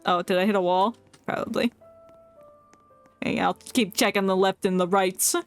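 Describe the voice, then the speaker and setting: With a steady tone and mid-range voice, a woman game streamer provides relaxed live commentary at a moderate pace. She giggles and chats away both to herself and to the characters, while background music runs under her voice.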